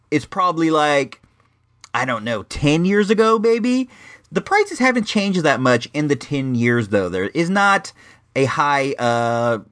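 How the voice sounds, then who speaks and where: A man's voice: mid-range voice, a bit bright. A middle-aged man hosting a vintage toy show in a rambling, slangy, casual way with wry asides. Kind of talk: casual chatty retro toy review.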